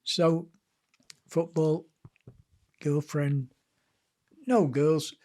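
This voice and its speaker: An older man from Blackpool, a guest telling lively stories in an interview and acting out what others said. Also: fairly high pitch, very slow. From Blackpool, England. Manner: lively storyteller who acts out what others said. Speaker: guest author. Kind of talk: anecdotal storytelling in an interview.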